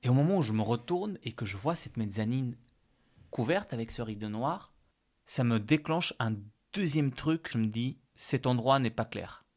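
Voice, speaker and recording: A man's voice: medium pitch, animated, normal speed. A man casually telling a personal story as a podcast guest, chatty with many fillers.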